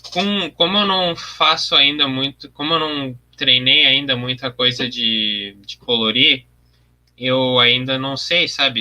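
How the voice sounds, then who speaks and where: A man's voice: mid-range voice, bright, forceful tone. A young man, chatting casually on a livestream while he colors his artwork, thinking aloud about his process and answering viewer comments. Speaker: artist streaming his work.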